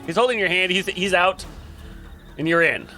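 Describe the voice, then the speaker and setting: A man narrating as dungeon master, with a halting manner full of fillers. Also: high-pitched, sharp tone, soft background music. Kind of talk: narrating a tabletop game.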